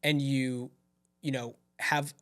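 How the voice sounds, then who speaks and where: A man chatting as a podcast guest, energetic and affirming, quick to agree. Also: mid-range voice. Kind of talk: casual chat.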